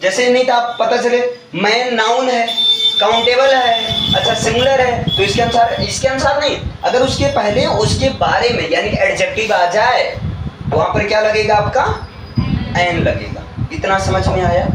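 A man teaching an English grammar lesson to a class, asking the students questions and answering them himself. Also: sits high. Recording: echoey room, far from mic, noisy.

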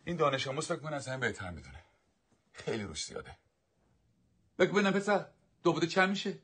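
A man's voice: on the high side, sing-song, fairly bright tone, breathy edge, exaggerated voice. A man playing a stern, authoritarian teacher who drills his class with commanding, dismissive orders. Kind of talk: dubbed drama acting.

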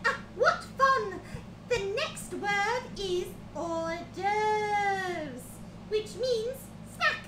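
A performer voicing a goofy, prim, cheerful woman sock puppet hosting a children's show in a sing-song falsetto. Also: lively intonation, very slow, heavily acted. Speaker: host of a children's video-call show. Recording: echoey, noisy video call, distant mic.

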